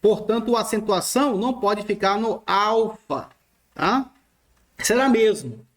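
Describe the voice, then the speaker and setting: A male teacher walks through a grammar lesson. His pitch moves freely up and down as he points at written text. He repeats himself and checks in with his students again and again. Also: expressive, a little slow, a bit bright. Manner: repeats points and checks in often with short questions. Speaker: Greek teacher. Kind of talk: recorded online lesson explaining grammar.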